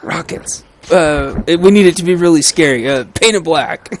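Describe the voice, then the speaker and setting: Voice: mid-range voice, normal speed, slight background noise. A person joking around in a casual group chat, wisecracking and often amused, over a voice chat line.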